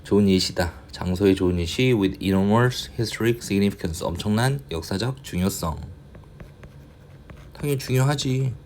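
Low-voiced guy tutoring english, grumbles to himself, slow careful reading, faint hiss behind. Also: darkish tone. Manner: thinks aloud, grumbles and mutters to himself; reads English slowly, explains in quick Korean. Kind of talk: casual reading-passage lecture.

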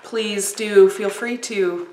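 A woman's voice: medium pitch, fairly even intonation, takes it slowly. A woman chatting casually while reviewing and tasting snacks, with lots of ums. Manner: chatty, warm, frequent ums. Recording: roomy echo.

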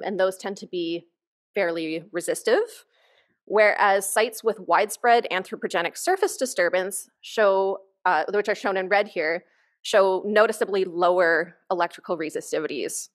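On a conference hall stage, a woman researcher talks from a lectern in a mid-range voice at a normal pace. Her keynote presentation explains her research in an eager, informal manner.

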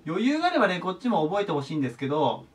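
A man giving a casual vocabulary lesson, friendly and polite, repeating each word slowly and clearly. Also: high voice, very animated. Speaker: English teacher. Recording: voice a bit far from the mic.

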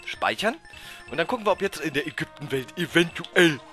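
A man commentating a blind playthrough of a video game, excitable and prone to frustrated outbursts and swearing. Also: a little high, brisk, soft background music. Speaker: let's player. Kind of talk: blind let's play commentary.

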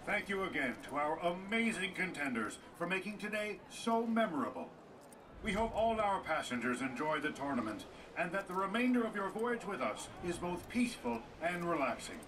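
A man playing a male ship announcer, giving formal announcements to passengers over the ship's loudspeaker in a video game. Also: high-pitched, big pitch swings, moderate pace, distant mic, noisy background. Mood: ceremonial. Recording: game audio with loud music behind. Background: loud game music.

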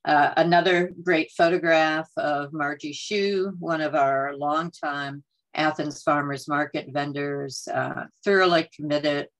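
A woman's voice: low voice, fairly even intonation, a little slow, poor audio. A woman walks through her slides on a video call. She speaks in a conversational, earnest way, with frequent "uh"s and "um"s as she thinks. The sound is a plain computer mic. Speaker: workshop presenter. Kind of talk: presenting slides in a webinar. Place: home or office on a video call.

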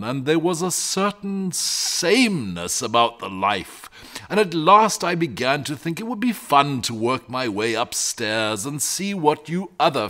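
A male performer reads from a storybook as a lazy, friendly, chatty dragon who meanders through fussy, old-world gentlemanly expressions. The mid-range voice is pitched above his natural one.

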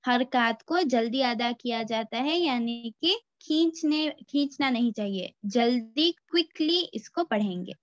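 A woman teaching Quran reading step by step, switching between Hindi-Urdu and English phrases and reciting letter sounds slowly for her students to repeat. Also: a little high, expressive, dry recording. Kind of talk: slow step-by-step lesson. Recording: dry, dull lo-fi recording.

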